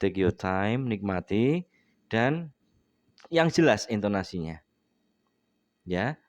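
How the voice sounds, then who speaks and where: A man's voice: fairly low pitch, lively intonation, slow, no echo. A man with an Indonesian accent giving a bilingual speaking lesson, mixing Indonesian and English, tagging lines with "ya", and speaking with a runny nose. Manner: mixes Indonesian and English, frequent tag "ya". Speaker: English teacher.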